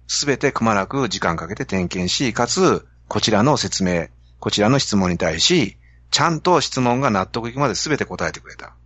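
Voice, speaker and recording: A man with a Kansai accent hosts a podcast, telling an animated story to make a business point. His voice sits low, a little husky, with lively swings in pitch. The sound is dry and somewhat dull. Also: normal speed, no echo. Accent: Kansai Japanese. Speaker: podcast host. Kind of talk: casual podcast talk.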